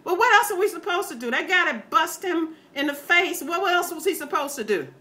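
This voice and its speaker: With an extremely high, sharp, animated voice moving a little fast, a self-styled grandma from America delivers a fiery, unscripted rant to her online viewers. She is blunt, folksy, emphatic, and scolding, and background noise is noticeable.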